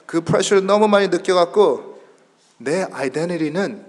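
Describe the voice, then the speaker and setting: A middle-aged man preaching as pastor, slow and emphatic, swinging between loud and soft passages. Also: high-pitched, animated. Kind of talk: bilingual sermon. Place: church sanctuary. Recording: long church reverb.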